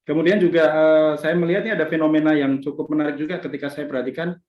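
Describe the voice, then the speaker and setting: A man's voice: a little high, fairly even intonation, fast talker, reverberant, lo-fi sound. A man moderating a webinar, asking a long question in a conversational way with hesitant fillers, over a video call.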